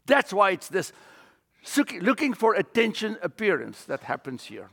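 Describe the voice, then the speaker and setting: A male preacher delivering a sermon in an animated way, with humorous asides. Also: sits high, moderate pace, creaky, long reverb tail.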